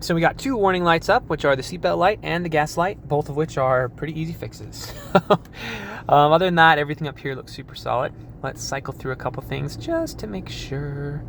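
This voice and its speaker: Young male salesman, casual walkthrough, a bit high-pitched, light outdoor hum behind. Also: vocal fry. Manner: easygoing, laughs often, quick asides. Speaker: car dealership salesman. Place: car dealership lot and vehicle interior.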